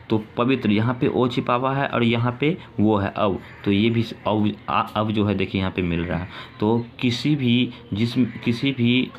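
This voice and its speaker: A male teacher giving a grammar lesson, repeating his points and asking questions that he answers himself. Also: on the low side. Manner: repetitive, asks questions and answers them himself. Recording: dull lo-fi sound with faint ambient noise.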